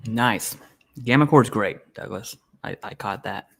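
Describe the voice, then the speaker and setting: A man's voice: lowish voice, a little slow, vocal fry, fairly bright tone. A man hosting a casual live Q&A stream, reading viewer questions aloud and answering bluntly and informally. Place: home setup, eating while streaming.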